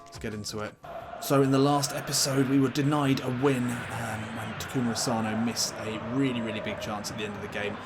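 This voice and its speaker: With fairly even intonation and a brisk pace, a man with a mid-range voice delivers laid-back commentary for his gaming channel on a football video game. He talks freely and weighs his team choices aloud over background music.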